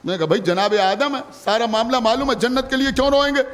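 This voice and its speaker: High-voiced cleric declaiming in a reverberant hall. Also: male voice, fast. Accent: Lucknow Urdu. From India. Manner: swings between soft asides and loud declaiming. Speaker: Shia cleric. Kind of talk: Muharram majlis sermon. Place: large imambargah hall. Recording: long hall reverb from live majlis.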